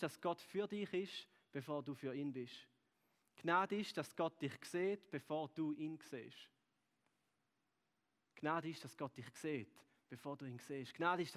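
A man with a Swiss German accent preaching a sermon to a live audience. He swings between loud, lively asides and soft, hushed repeated phrases, building a repetitive rhetorical cadence. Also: a little high. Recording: long hall reverb.

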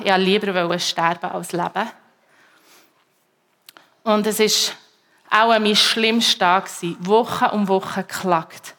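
A Swiss German-accented woman, serving as a preacher, offers an emotional personal faith testimony to her congregation, stumbling and repeating herself as she goes. Her pitch is medium and her tone fairly bright.

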